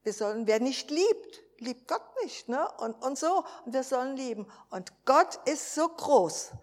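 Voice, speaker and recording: A woman's voice: high-pitched, big pitch swings, a little slow, in a large hall. A woman preacher giving an emphatic sermon, often asking her listeners for assent.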